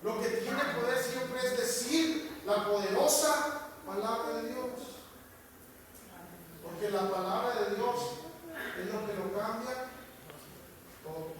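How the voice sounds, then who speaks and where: A man's voice: very high-pitched, slow pace, pauses often. A man preaching a sermon, building up to emphatic, rising passages as he tells a story and reads scripture. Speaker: pastor. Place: church sanctuary. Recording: echoey church hall, distant mic, noisy.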